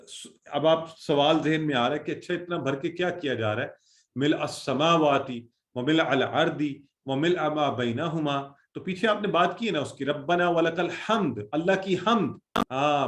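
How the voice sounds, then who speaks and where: This is a man giving an online lesson on Quranic Arabic. He breaks down each word, links it to familiar everyday examples, and checks in with his students through questions. His voice sits a bit high and carries a noticeable room echo. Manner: explains Arabic words with Urdu examples, asks the class questions. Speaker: Quran teacher.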